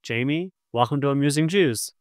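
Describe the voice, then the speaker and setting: A man's voice: medium pitch, normal speed, no room sound, clean studio sound. A man co-hosting a podcast, introducing a guest and asking questions in a conversational way. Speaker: podcast co-host. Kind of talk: interview questions.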